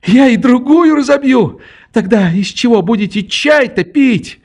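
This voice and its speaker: A defiant, tearful little orphan girl , as a male reader puts her on, lashing out in shrill, high sobbing cries. Her voice jumps far above the reader's own, slow and dark in tone. It is a storybook reading of a classic novel. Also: animated. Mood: spiteful.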